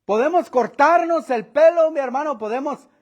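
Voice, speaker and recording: High-voiced preacher with dramatic swings. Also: male voice, moderate pace, lo-fi sound. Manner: preaching with dramatic shifts in pitch and volume, acting out voices; laughs between points, addresses listeners as brother. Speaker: pastor. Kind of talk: sermon. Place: church.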